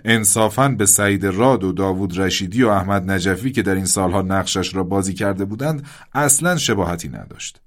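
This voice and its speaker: A man narrating a satirical story in a mock-formal tone with hushed asides. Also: deep voice.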